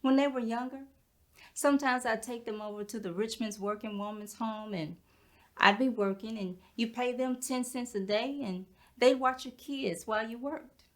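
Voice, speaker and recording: A woman's voice: fairly high pitch, normal speed, close to an everyday voice. A woman, performing a theatrical monologue as a proud, hardworking middle-aged mother who cleans houses for a living. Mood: dignified. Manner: dignified, storytelling, folksy. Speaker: actor performing a stage monologue.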